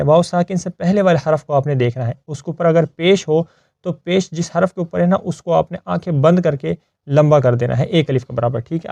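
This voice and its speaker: A man teaching Quran recitation step by step. He explains each rule patiently, checks often that the listener follows, and recites the verses slowly and drawn out. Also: a little high, gravelly, warm tone, no echo, muffled recording.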